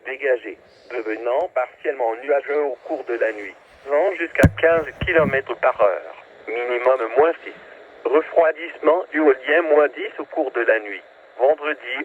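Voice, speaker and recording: Over a narrowband, staticky weather radio broadcast, a synthetic male voice reads scripted forecasts in clipped, impersonal phrases. It is medium-pitched, unhurried, and slightly rough, with a radio-transmission effect.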